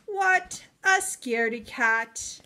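Her voice sitting high, a middle-aged woman reads a children's story aloud to young listeners with deliberate, expressive delivery.

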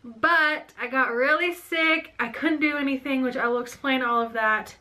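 A woman's voice: sits high, normal speed, sharp tone. A young woman in her twenties chatting to her camera in a bedroom at home, out of breath, rambling and jumping from thought to thought. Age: 20s. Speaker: vlogger. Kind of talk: casual chat to camera. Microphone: camera on a stand.

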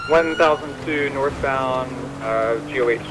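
A man's voice: medium pitch, steady tone, unhurried. A man giving terse police radio calls in a roleplay game, heard over a walkie-talkie with clipped radio codes. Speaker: patrol officer in a roleplay game. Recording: noisy game audio with sirens.

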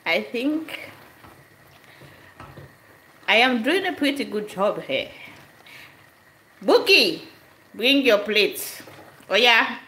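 A woman's voice: on the high side, very animated, very slow, long pauses, sharp tone, echoey room, rough recording. A woman chatting casually while she cooks live in her home kitchen, laughing often and slipping into Italian phrases. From Sierra Leone. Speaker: cooking vlogger. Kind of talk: casual live cook-along chat. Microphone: camera above the stove.

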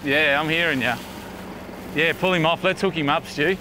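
A man's voice: a little high, moderate pace, background noise. A man chatting casually outdoors, coaching in colloquial speech with "eh" tags. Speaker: off-road adventurer guiding a vehicle crossing. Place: outdoors at a bush creek crossing.

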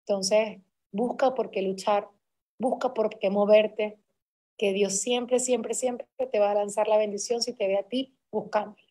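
A woman's voice: medium pitch, steady tone, unhurried, warm tone. A woman giving an emphatic, repetitive motivational talk to a sales team as a conference speaker. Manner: emphatic and repetitive, building intensity.

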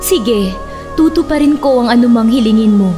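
A woman voicing a kind, gentle forest fairy who grants wishes in a children's cartoon story, soothing and solemn. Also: fairly high pitch, expressive, moderate pace, soft background music, natural voice. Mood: kindly.

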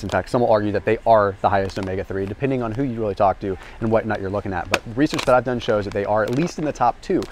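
Energetic and fairly low-pitched, a thirtyish health and nutrition vlogger talks to camera over a noisy background. Wearing a small lapel mic, he walks through a large indoor warehouse store, giving an educational grocery walk-through on nutrition.

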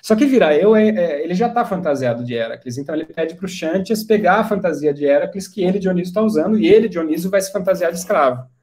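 Brazilian man, lecturer, somewhat high voice, casual explaining, slows for quotes. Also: lively intonation, a little mellow. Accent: Brazilian Portuguese. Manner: reads quoted lines in a slower, raised voice, casual asides. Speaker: university lecturer. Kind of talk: lecture reading and explaining a comedy.

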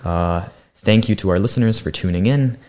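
A young man with a low, darkish voice speaks at a moderate pace as he hosts a student podcast. Working from a script, he politely reads prepared interview questions into a condenser mic on a boom arm in a small, bright studio room.

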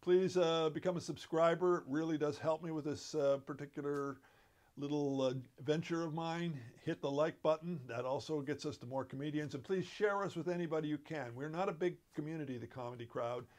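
An older man with a slightly high voice hosts a comedy how-to from his home study. He talks straight to camera, chatty and emphatic, and gets pointed when he makes his case. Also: normal speed, a little mellow. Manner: conversational, emphatic, occasionally preachy. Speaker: host.

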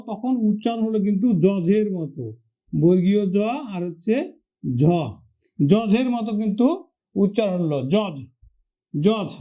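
A man teaching a lesson, patiently asking questions, answering them himself and repeating words slowly for pronunciation drills. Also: high-pitched, dark tone. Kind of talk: classroom-style lesson.

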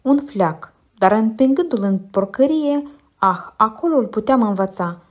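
A woman narrating a literary audiobook in a measured, quiet, reflective way. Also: fairly high pitch, expressive.

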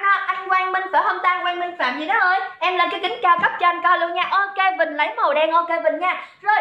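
A woman's voice: very high-pitched, echoey room, muffled recording. A woman running a live-stream sale, chatty and calling out viewers by name. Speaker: livestream seller. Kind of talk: live-stream sales chat.

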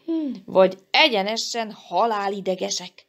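A woman voicing a curious, touchy bat chick who speaks in a quick, peevish way. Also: mid-range voice, lively intonation, natural voice.

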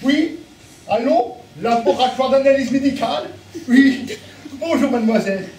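Male actor: high-voiced braggart posing as a lofty doctor, amateur stage, distant mic. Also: normal speed, darkish tone, a little hiss or hum. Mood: pompous. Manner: pompous and self-important. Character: boastful man faking a pompous doctor on the phone. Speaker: actor in the play. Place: theatre stage. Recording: echoey hall from far off.

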